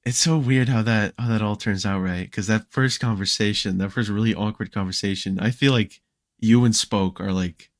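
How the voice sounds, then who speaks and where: Low-voiced young man, casual podcast guest. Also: moderate pace, no room sound, studio quality. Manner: relaxed storytelling with frequent fillers and restarts. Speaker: podcast guest, Minecraft creator.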